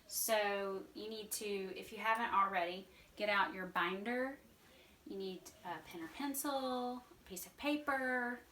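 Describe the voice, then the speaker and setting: A woman's voice: medium pitch, sharp tone, a little hiss or hum. A woman teaching a beginner Mandarin lesson from home, patient and repetitive as she drills words aloud. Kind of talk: informal online language lesson. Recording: echoey room, voice a bit far from mic.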